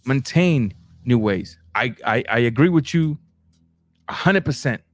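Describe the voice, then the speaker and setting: Reading viewer comments on his casual boxing livestream, a man from Cuba talks a little slowly but stays animated. He trips over words, repeats himself and restarts, now and then rising into high bursts of pitch.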